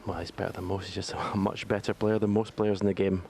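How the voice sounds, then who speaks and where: A man's voice: on the low side, little pitch movement, quick pace, darkish tone. A man giving matter-of-fact analytical snooker commentary in short, sparse phrases. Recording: faint background noise.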